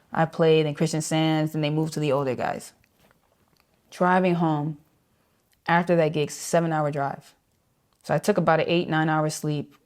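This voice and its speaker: Low-voiced woman telling a vivid story. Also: a little mellow. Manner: vivid storyteller who acts out quoted voices. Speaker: jazz saxophonist guest. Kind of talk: storytelling interview.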